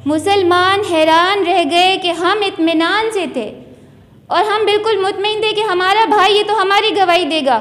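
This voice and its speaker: A woman's voice: very high-pitched, unhurried, fairly bright tone. A woman giving an earnest, preachy moral lecture with a Sindhi-region Urdu accent, stressing her key lines. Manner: earnest, preachy, rising emphasis. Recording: long hall reverb.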